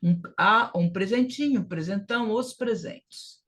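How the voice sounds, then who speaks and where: A woman's voice: medium pitch, a little slow, a bit bright. A woman with a Brazilian Portuguese accent teaching an English lesson, repeating words and modeling example phrases for her students to drill. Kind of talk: classroom lesson on grammar and pronunciation.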